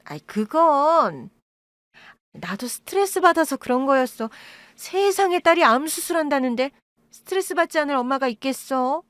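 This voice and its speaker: A woman's voice: expressive, normal speed, fairly bright tone, no echo. A woman voicing a scheming middle-aged birth mother who whines, pleads and flares up indignantly, in an audio drama. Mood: wheedling. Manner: wheedling, indignant, talks in high pleading bursts. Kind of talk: Korean audio-drama acting.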